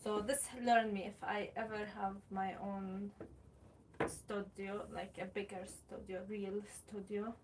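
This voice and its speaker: A woman from Sweden hosts a pottery livestream from a warm studio room, chatting in an unhurried way as she greets viewers and answers their comments. Her voice sits a little back from the mic. A faint hum of room ambience stays under her speech. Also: medium pitch, flat delivery, recorded from a distance, rough recording. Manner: chatty, reads viewer comments aloud while working clay. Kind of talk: casual livestream chat.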